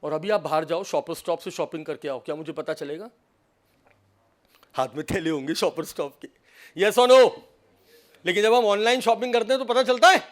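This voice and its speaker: A man giving a lively seminar lecture on cyber safety to a live audience, mixing Hindi and English and acting out phone calls as he teases the listeners. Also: high-pitched, normal speed, long pauses. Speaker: seminar speaker on cyber crime.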